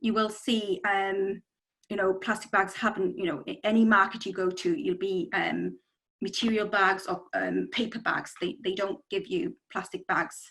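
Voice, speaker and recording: A woman's voice: mid-range voice, fairly even intonation, normal speed, gravelly, a bit bright, low-quality recording. A middle-aged woman from Bangladesh, a city councillor, speaking on a video call panel in a rambling way full of ums and you-knows. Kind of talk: panel discussion.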